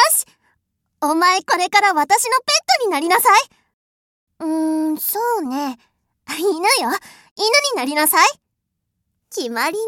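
A woman's voice: extremely high pitch, bright, forceful tone, dry recording, clean studio sound, full character voice. A woman voicing a haughty, spoiled rich young lady who is bossy, cruel and scornful, in an audio drama. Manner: imperious, scornful, mocking. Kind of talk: adult audio drama role-play.

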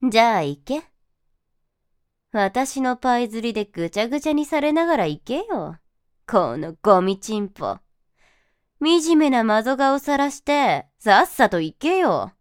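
A woman's voice: a little high, very animated, takes it slowly, pauses often, no room sound, studio quality. A woman voicing a domineering, motherly figure in an audio role-play, who flips between sweet coddling and cold scorn. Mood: scornful. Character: teasing domineering motherly woman, mocking then soothing.

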